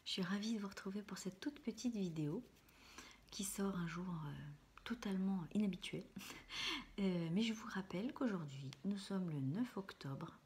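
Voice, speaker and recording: A woman hosting an ASMR channel, chatting casually and hesitantly in a soft, breathy whisper. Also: mid-range voice, normal speed. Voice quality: breathy whisper, mostly unvoiced. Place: small room at home, indoors. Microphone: camera close in front, no external microphone. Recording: faint hiss and clicks, no studio microphone.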